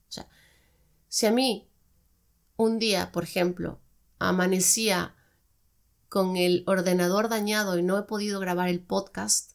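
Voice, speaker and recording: A woman hosting a casual advice podcast, talking expressively and acting out quoted remarks in a higher voice. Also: creaky. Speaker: podcast host.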